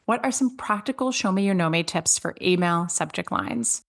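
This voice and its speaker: A woman's voice: normal speed, creaky. A middle-aged woman from Switzerland hosting a sales podcast, recapping an interview and answering listener questions in an upbeat, emphatic way. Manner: upbeat, emphatic, with big pitch jumps on key words. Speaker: podcast host.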